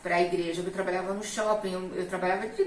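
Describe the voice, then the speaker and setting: A woman's voice: fairly low pitch, flat delivery, quick pace, a little hiss or hum. A middle-aged woman telling a personal testimony in casual conversation, acting out the voices she quotes. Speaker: guest telling her testimony. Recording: roomy sound, mic at a distance.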